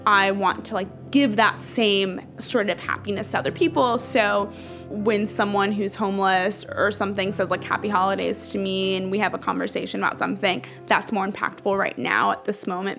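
A young Ethiopian woman with a medium-pitched, gravelly, fairly bright voice speaks as an interviewee. Casual, earnest, and reflective, she says "like" constantly.

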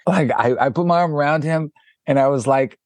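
A man's voice: on the high side, brisk, no room sound, clean studio sound. A man being interviewed as a film director, telling anecdotes with lots of restarts and quoted dialogue. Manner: animated anecdotes with many restarts and acted quotes. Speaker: documentary director, guest. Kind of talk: conversational storytelling interview.

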